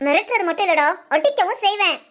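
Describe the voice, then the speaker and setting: A woman's voice: extremely high pitch, animated, fast talker, a bit bright. A woman voicing a desperate young village woman in a cartoon drama, pleading and panicky as she runs from her pursuers. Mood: defiant.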